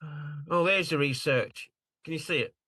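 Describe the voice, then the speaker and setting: A man's voice: fairly high pitch, moderate pace, bright, forceful tone, slightly rough. A man demonstrating a tool over a video call, talking in a rambling, apologetic way while he searches his screen. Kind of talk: casual screen-share demo on a video call.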